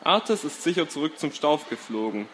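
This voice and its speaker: A man's voice: fairly high pitch, animated, fairly quick, a bit bright, a little hiss or hum. A man voicing Hannes, a cheerful, loyal young friend in a read-aloud story, easygoing and reassuring.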